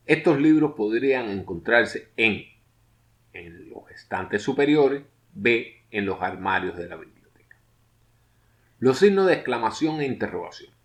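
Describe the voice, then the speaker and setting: A man from Mexico narrating a scripted grammar lesson in a measured way, reading out his examples with lifted emphasis. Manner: measured, reads example sentences with lifted pitch. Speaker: teacher.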